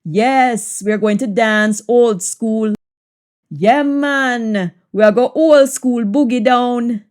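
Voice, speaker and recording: Female language teacher, Jamaican Patois, slightly high voice, very unhurried, repeats example sentences deliberately. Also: darkish tone. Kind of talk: Jamaican Patois lesson, practice sentences said in English then repeated in Patois.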